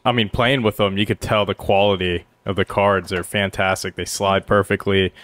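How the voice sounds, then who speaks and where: A man's voice: low-pitched, steady tone, moderate pace, a bit bright. A young man co-hosting a podcast in casual, enthusiastic and rambling chat, at a studio mic. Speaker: podcast co-host. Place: small studio. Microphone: headset and studio mic.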